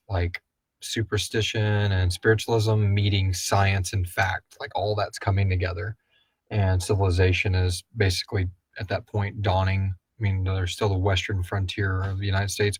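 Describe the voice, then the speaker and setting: A low-pitched man hosts a casual question-and-answer chat for a live audio drama, rambling and speculating as he thinks aloud. There is no room sound.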